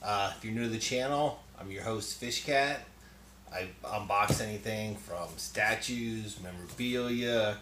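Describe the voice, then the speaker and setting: A man's voice: medium pitch, a bit bright. A man in his forties hosting a casual unboxing vlog, talking bluntly and swearing freely, recorded by a camera on the desk in his collectibles room. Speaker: unboxing channel host. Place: cluttered collectibles room indoors. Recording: roomy echo, faint background noise.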